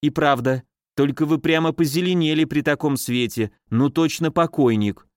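A man's voice: fairly high pitch, normal speed, dry recording, studio quality, close to an everyday voice. A man voicing a mannered, easily frightened female nurse in an audiobook. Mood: mocking, prim. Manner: mannered, fussy, shrieking when afraid.

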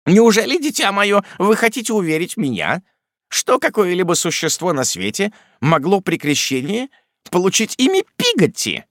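A man voicing a stern, imperious elderly aunt in an audiobook, speaking in a high, clipped, scolding and impatient way. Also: huge pitch swings, moderate pace, a bit bright, no echo, studio quality, exaggerated voice. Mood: commanding. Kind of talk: audiobook character reading.

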